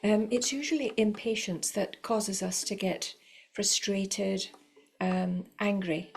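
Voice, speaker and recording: A middle-aged woman violin teacher giving a spoken lesson, talking in a calm, encouraging and unhurried way with frequent fillers. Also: medium pitch, vocal fry.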